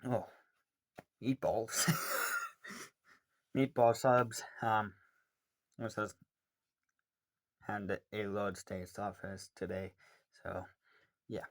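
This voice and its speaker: A young man in his late teens answering viewer questions in a casual, rambling way, with many pauses and ums. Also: on the low side, flat delivery. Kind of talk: casual Q&A monologue.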